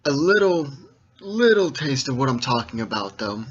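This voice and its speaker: A man giving an informal, didactic monologue to viewers, speaking in deliberate, halting phrases with emphatic stresses and checking that listeners follow. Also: medium pitch, big pitch swings, husky. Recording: dull, lo-fi sound.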